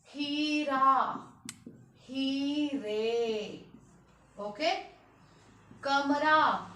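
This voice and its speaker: A woman's voice: sits high, a little hiss or hum. A middle-aged woman teaching a school grammar lesson, patient and drawn out, calling her pupils "beta" and stretching out example words. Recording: echoey room.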